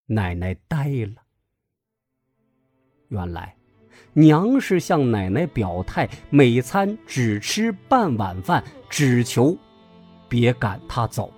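A man giving a scripted narration of a story in a measured, expressive way. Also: medium pitch, breathy edge. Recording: dry close voice over faint music.

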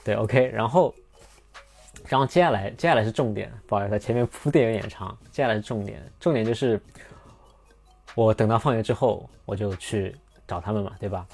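Young male podcast host with a gravelly, low voice, casual and rambling delivery, restarts often. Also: brisk, darkish tone, faint music behind. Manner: rambling, many restarts and fillers. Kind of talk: casual storytelling monologue.

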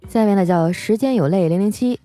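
A woman's voice: mid-range voice, a little fast, dark tone, soft background music. A woman radio host reading out listener jokes in a playful, teasing way and laughing often.

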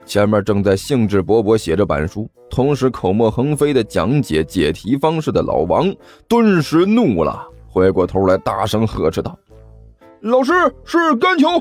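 A man narrating a comic audiobook in a playful, expressive way. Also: lowish voice, moderate pace, few pauses, soft background music.

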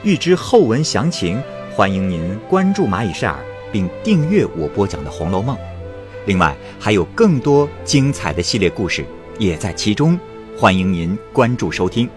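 A man narrating a classic novel as an audiobook host, in a measured, expressive storytelling manner. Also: fairly low pitch, music in the background. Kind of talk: serialized novel reading.

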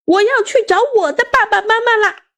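A woman doing a high, huffy little kid. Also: normal speed, darkish tone. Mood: determined. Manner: high, childish and emphatic. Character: small child, hurt and stubborn.

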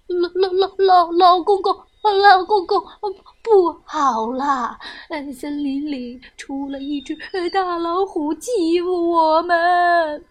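A woman's voice: extremely high pitch, little pitch movement, takes it slowly. A woman voicing small forest animals in a children's story, anxious and stammering. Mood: frightened.

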